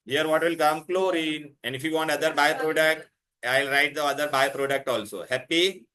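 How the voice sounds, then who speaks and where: An Indian man teaches a class in a fairly high, bright, forceful voice. He repeats himself insistently and puts questions to his students. His English has Hindi words and phrases mixed in. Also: fairly even intonation, moderate pace. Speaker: chemistry teacher.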